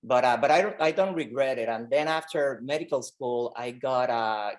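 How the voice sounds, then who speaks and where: A man from Rico speaks as a podcast guest, in a mid-pitched voice. He talks earnestly and haltingly, often repeating words as he gathers his thoughts. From Puerto Rico. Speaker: pediatric oncologist guest. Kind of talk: conversational interview.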